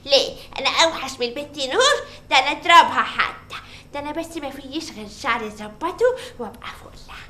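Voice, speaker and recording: Shrill old egyptian granny, vain and cackly, talks fast, echoey room. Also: female voice, expressive, bright, forceful tone. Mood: boastful. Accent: Egyptian Arabic. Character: vain, boastful old grandmother who thinks men want her. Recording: roomy echoey set.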